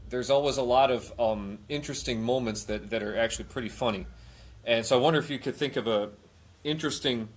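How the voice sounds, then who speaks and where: A man with a husky edge to his voice hosts a live missionary interview. He stumbles over his phrasing, repeats words, and laughs easily. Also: mid-range voice, fast talker. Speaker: missionary host.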